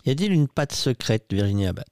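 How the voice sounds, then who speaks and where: A male radio host interviews his guest in a playful way, sometimes pausing to find the right word. His voice is low-toned and warm, with a gravelly edge. The sound is dry and close. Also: very animated, no echo.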